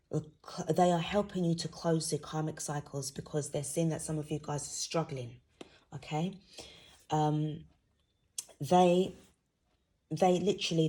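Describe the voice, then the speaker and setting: A woman with a low, mellow voice speaks as if half asleep. She hosts an informal card reading, wandering haltingly from thought to thought, with a distinctly husky tone. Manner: sleepy, drowsy. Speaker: host, intuitive card reader.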